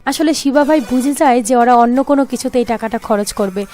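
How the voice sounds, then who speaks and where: A woman narrating a movie recap as a story, telling it briskly and voicing the characters' lines herself. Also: on the high side, a little mellow. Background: faint background music.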